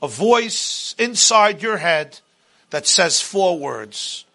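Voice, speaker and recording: A man giving a motivational sermon as a religious speaker, with dramatic, emphatic phrasing and deliberate repetition. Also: high voice, big pitch swings, gravelly, sharp tone.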